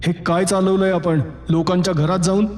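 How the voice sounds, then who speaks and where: A man voicing a firm young man who calmly questions a stranger at his door in a horror audiobook. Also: high-pitched, moderate pace, soft background music, lightly acted. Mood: stern.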